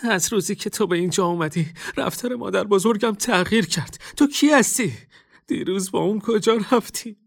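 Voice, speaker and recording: Man doing a furious young woman, very high voice, sharp, accusing, storybook. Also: vocal fry. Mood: angry. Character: grieving angry young woman.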